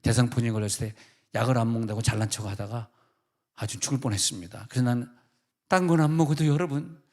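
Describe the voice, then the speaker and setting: A man's voice: medium pitch, fast talker, darkish tone. A middle-aged man, the senior pastor, preaching a sermon in a church with casual, humorous storytelling.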